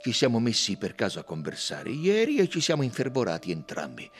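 A man reading an audiobook, voicing a stiff, gruff older British army colonel who talks in clipped, grumbling, hesitant phrases. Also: mid-range voice, wildly swooping pitch, brisk, pitched above the performer's own voice.

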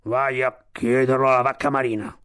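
A man voicing a grumpy, sleepy old male walrus in a storybook reading, grumbling slowly. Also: mid-range voice, little pitch movement, fairly bright tone, clear, resonant tone, no room sound, studio quality, lightly acted. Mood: dismissive.

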